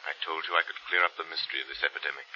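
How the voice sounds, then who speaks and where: An actor playing the Shadow, an unseen, commanding crime fighter, in a 1940s radio play heard as an old AM radio broadcast. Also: male voice, rumbling low, lo-fi sound, a little hiss or hum, exaggerated voice. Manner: calm, measured, authoritative. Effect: old AM radio broadcast sound.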